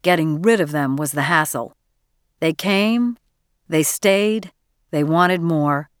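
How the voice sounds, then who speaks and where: A woman narrating an audiobook in a measured, even storytelling manner, close to the mic. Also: fairly low pitch, no room sound. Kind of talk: scripted narration.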